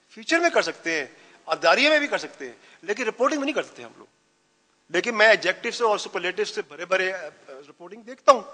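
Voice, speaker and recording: A man's voice: high voice, bright, forceful tone. A man gives a conference lecture, mixing English phrases into his talk. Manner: mixes Hindi-Urdu with English phrases. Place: conference hall. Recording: long reverb of a hall.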